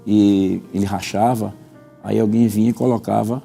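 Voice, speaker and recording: A Brazilian pastor, a man, lays out his teaching on a religious panel show with a deep, mellow, gravelly voice. He is earnest and methodical, quotes scripture, and circles back to repeat his points. Soft music plays faintly behind him. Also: steady tone, moderate pace. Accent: Brazilian Portuguese.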